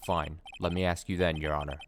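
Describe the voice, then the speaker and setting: A man's voice: a bass voice, flat delivery, a little fast, a little hiss or hum, pitched below the performer's own voice. A man voicing an arrogant, cryptic prosecutor in a courtroom game, smug and scornful, throwing questions back at people. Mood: scornful challenge.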